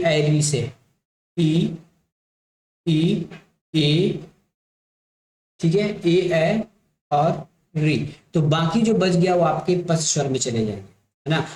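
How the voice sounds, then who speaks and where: A man teaching an exam-prep grammar lesson. He explains slowly, repeats each point and keeps checking that his listeners follow. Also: fairly high pitch, darkish tone, reverberant, poor audio.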